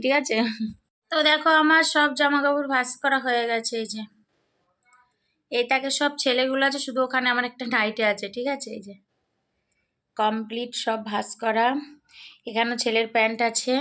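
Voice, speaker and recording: A middle-aged woman, slightly hoarse, chatting casually to viewers through a daily-routine vlog and often checking in with them. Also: sits high, fairly bright tone. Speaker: vlogger.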